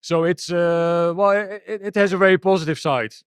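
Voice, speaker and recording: A man's voice: high-pitched, steady tone, normal speed, clear, resonant tone, no room sound. A Dutch man with a Dutch accent, a techno DJ and producer answering interview questions in a hesitant way with many restarts. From Netherlands. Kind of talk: casual interview.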